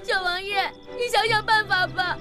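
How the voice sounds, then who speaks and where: An actress playing a devoted, fretful young maidservant who talks in a pleading voice in a historical TV drama. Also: female voice, very high voice, steady tone, moderate pace, music in the background. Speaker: maid.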